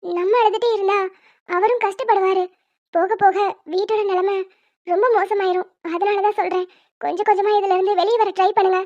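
A woman's voice: very high voice, fairly even intonation, brisk, a little mellow, no echo, lo-fi sound. A woman voicing a bossy, sensible young wife in a cartoon, who talks in a scolding, lecturing way. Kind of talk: cartoon voice acting.

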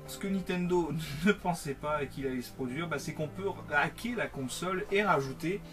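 A man's voice: a little high, moderate pace, music in the background. A man, chatting casually to camera as a teasing, talkative storyteller. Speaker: co-host of a video game collecting vlog. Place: small game-collection room indoors.

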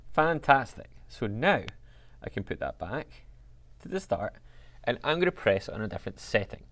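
A man teaching a music technology lesson, explaining software steps in an upbeat, chatty way. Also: mid-range voice, big pitch swings, moderate pace.

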